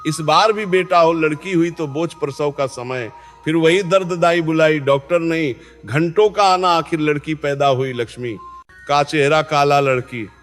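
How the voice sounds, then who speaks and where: A man's voice: a little high, normal speed. A man narrating a dramatic moral story in an earnest tone. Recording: long reverb, faint music behind.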